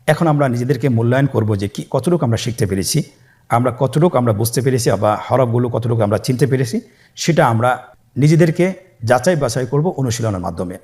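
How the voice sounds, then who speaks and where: A man teaching Arabic letters step by step, leading students to repeat after him with slow, drawn-out letter names. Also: mid-range voice, lively intonation, a little mellow. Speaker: Quran teacher. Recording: faint background music.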